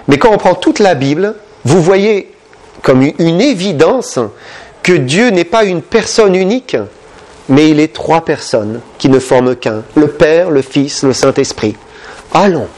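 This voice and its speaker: A man preaching a sermon in French, impassioned and addressing the congregation with questions. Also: a little mellow. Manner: impassioned, questioning the listeners, big pitch swings.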